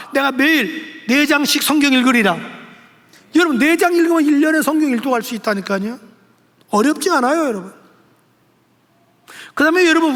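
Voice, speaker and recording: An older male pastor with a very high-pitched voice delivers an exhorting sermon. His words ring out with a long reverb from the church hall around him. He presses his points with emphatic appeals to the congregation. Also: fairly bright tone. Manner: exhorting, rising to emphatic preaching. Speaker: senior pastor. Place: church sanctuary.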